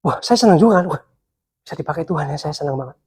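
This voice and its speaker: A man preaching to young people, telling a personal story with lively swings between excited and hushed delivery. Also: fairly high pitch, very fast, husky. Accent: Indonesian.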